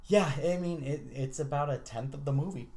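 A man's voice: fairly high pitch, brisk, a little mellow. A man chatting casually as a podcast co-host, laughing easily and acting out quotes. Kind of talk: casual chat.

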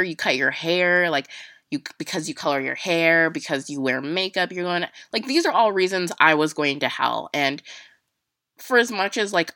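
A young woman telling a personal story in a casual, halting way, full of fillers and restarts, with emotion close to the surface. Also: lowish voice, pushed and bright, no echo. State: emotional, near tears.

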